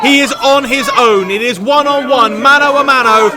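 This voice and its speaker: A man giving excited, dramatic play-by-play wrestling commentary with emphatic calls of the action. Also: very high-pitched, moderate pace. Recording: loud crowd and venue noise. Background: loud live crowd.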